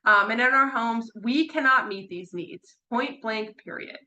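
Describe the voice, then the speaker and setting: A parrot behavior consultant gives a chatty online lecture from a room at home with her birds, her voice a little high, sharp-toned, and slightly slow. She repeats words for emphasis and laughs now and then, and the room sounds echoey.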